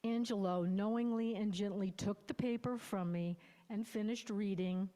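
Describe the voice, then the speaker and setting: Sharing her recovery story in a sermon, a roughly sixty-year-old woman is candid, reflective, and wry. Her mid-range voice is warm and steady at a normal speed, echoing with long hall reverb in the church sanctuary.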